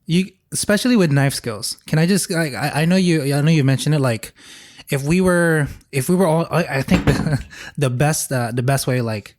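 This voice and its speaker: A man's voice: a little high, darkish tone. A man, a chef co-hosting a podcast, chatting casually, often restarting his sentences and giving short agreements. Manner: restarts a lot, gives frequent short agreements. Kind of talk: casual chat.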